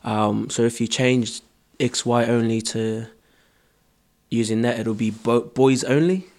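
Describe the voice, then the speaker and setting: A man's voice: medium pitch, fairly even intonation, a little slow, darkish tone. A young man, a choreographer answering interview questions earnestly, with many ums and restarts. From born in Samoa, raised in New Zealand. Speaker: dancer and choreographer guest.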